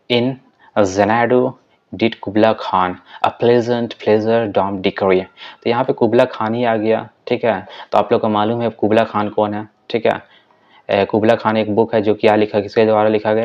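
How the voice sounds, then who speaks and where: A man teaching an exam-prep lesson, asking and answering his own questions and reading quiz items aloud slowly. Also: lowish voice, a little mellow. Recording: dull lo-fi audio.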